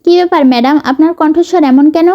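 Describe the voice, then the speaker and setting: A woman's voice: high voice, quick pace, dull audio, lightly acted. A woman voicing a confident young man who teases his mother playfully on the phone. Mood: teasing. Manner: playful, lightly teasing. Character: teasing young man, confident soldier son.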